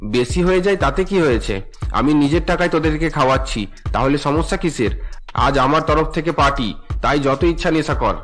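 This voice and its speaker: A man voicing a drunken husband in a cartoon, gruff and demanding, at times pleading. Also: a little high, lively intonation, brisk, a bit bright, faint music behind. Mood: bullying. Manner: demanding and gruff with his wife, pleading with God. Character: drunken husband, male, bullying then repentant.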